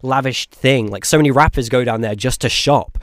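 A man's voice: mid-range voice, a little fast, dry recording, clean studio sound. An eighteen-year-old man co-hosting a podcast in casual chat, rambling with many restarts and frequent laughs. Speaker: podcast co-host.

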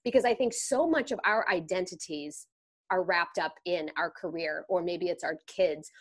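A woman's voice: lowish voice, normal speed. A woman hosting a podcast interview, chatting with bursts of enthusiasm. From grew up in the rodeo world. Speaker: podcast host. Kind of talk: casual interview chat.

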